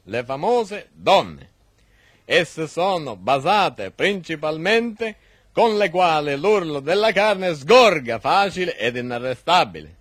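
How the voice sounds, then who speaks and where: A pompous, gloomy professor giving a nonsensical lecture in a radio comedy sketch. His voice sits fairly high for a man and is husky, recorded close and dry. He speaks in solemn, garbled pseudo-scholarly phrases. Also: big pitch swings, takes it slowly, fairly bright tone, no room sound, full character voice. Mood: solemnly lecturing. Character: gloomy pompous pseudo-academic male professor, absurdly muddled.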